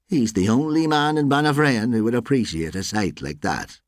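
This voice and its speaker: A man voicing a big, fat cattle dealer who speaks in a soft, mocking, needling way in a story reading. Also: medium pitch, moderate pace, dry recording, clean studio sound, close to an everyday voice. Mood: mocking taunt.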